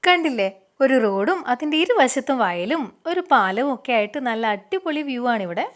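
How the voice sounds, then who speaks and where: A woman's voice: high-pitched, sing-song, moderate pace. A woman casually describing the scenery for a vlog.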